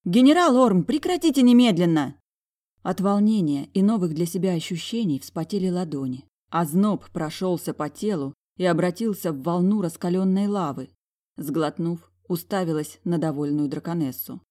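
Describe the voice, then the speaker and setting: Low-voiced woman narrating an audiobook. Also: normal speed, dark tone.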